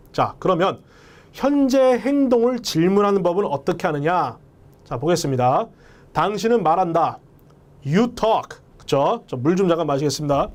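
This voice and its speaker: A man's voice: fairly high pitch, a little mellow. A man teaching an English lesson, emphatic and often speaking straight to his viewers. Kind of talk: lecture.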